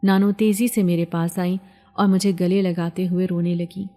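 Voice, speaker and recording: A woman telling a first-person mystery story as a scripted narration, in a steady, even manner. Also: on the low side. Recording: long hall reverb.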